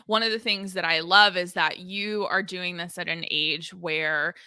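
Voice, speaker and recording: Bright-voiced woman host, thirty. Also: fairly low pitch, steady tone, a little slow, clear, resonant tone, dry recording, clean studio sound. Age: 30s. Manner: enthusiastic, rambling with restarts. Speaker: podcast host. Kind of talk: interview conversation.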